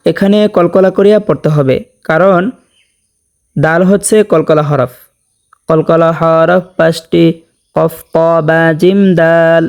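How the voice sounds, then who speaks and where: A man teaching Quran recitation rules, explaining briskly and then chanting verses slowly and melodically. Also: on the high side, steady tone, creaky. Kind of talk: tajweed lesson with slow chanted recitation.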